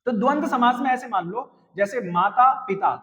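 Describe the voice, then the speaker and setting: A man's voice: very high voice, expressive, normal speed, sharp tone. A young man teaching Hindi grammar for exams, pushy and coaxing, tagging his sentences with "है ना" and "भाई साहब". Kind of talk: energetic exam-prep lesson. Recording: dull lo-fi audio with long reverb.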